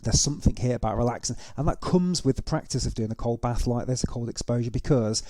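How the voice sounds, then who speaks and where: A man's voice: mid-range voice, quick pace, dark tone, no room sound. A man hosting a reaction video, giving casual, conversational commentary and explaining things as he goes. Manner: explanatory, conversational, with tag questions.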